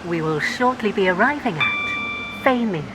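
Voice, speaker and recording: A woman's voice: expressive, measured pace. A woman's automated onboard train announcement, spliced together from separately recorded words with clipped station names dropped into set phrases. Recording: loud train noise behind the announcement. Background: rumbling moving train.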